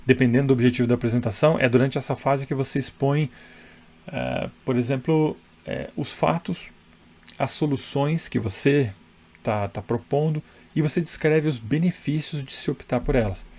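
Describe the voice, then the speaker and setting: A man's voice: mid-range voice, moderate pace, darkish tone. A man coaching public speaking straight to the camera, chatty and emphatic, often checking in with the viewer. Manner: conversational, tag questions, emphatic. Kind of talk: direct-to-camera advice.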